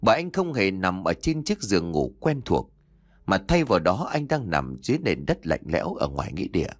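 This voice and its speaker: A man narrating an audio story in a dramatic, expressive storytelling manner. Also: sits low, fairly quick, no room sound, studio quality. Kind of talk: scripted narration.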